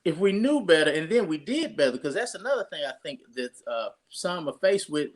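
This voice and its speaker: A man's voice: a little high, very animated, a little fast. A pastor, talking casually and rambling through his introduction of a guest with many restarts.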